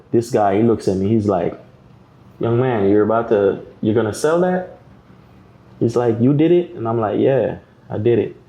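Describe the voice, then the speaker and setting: On a low-quality recording, a medium-pitched man with a Jamaican accent appears as a guest artist in a podcast interview. He tells stories animatedly, performing the voices of other people.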